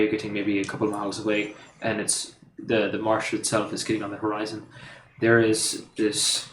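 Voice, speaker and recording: Fairly low-voiced male game master, roomy. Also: a bit bright. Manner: rambling descriptions with many fillers and restarts. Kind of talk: narrating a tabletop game. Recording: roomy live stream with background noise.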